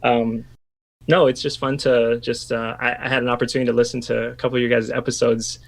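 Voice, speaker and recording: Podcast guest: a man in his thirties from Washington state, gravelly and flat-toned, chatty and reflective. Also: mid-range voice, fast. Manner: chatty, reflective, full of restarts and fillers. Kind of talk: casual podcast conversation.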